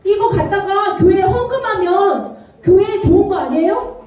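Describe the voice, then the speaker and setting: Animated woman preaching to children, echoey church. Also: very high voice, normal speed, muffled recording. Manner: animated, playful, acts out characters and asks the children questions. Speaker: children's Sunday school preacher. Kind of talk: lively children's sermon with acted Bible voices. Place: church worship room. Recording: roomy echo, distant from mic, faint ambience.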